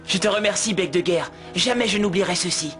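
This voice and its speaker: A man voicing a brave, earnest young mouse hero in an animated series dub. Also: high voice, a little fast. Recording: loud music over the voice.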